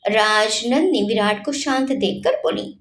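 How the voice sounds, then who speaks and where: A woman narrating a romantic story in an expressive, dramatic way. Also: on the high side, unhurried. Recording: echoey room.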